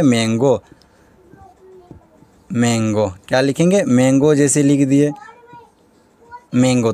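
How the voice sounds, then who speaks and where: A man's voice: fairly high pitch, darkish tone, no room sound. A male teacher giving a grammar lesson, asking questions and answering them himself again and again.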